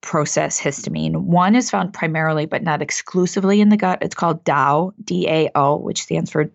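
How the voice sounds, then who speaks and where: Casting: female co-host, scratchy whiskey voice full of fry, informal and halting, dry but slightly muffled sound. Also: low voice, no echo. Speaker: podcast co-host answering listener questions. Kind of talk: casual explanatory talk.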